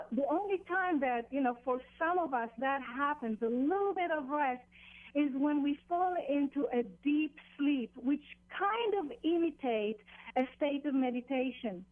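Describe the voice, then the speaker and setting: Lady phoning in to an interview, high voice, thin phone sound, teaches slowly and carefully with pauses. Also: animated, no room sound. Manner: deliberate, instructive, with pauses and repeated phrases. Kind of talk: explanatory radio interview, spiritual instruction. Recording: dull, narrow telephone line.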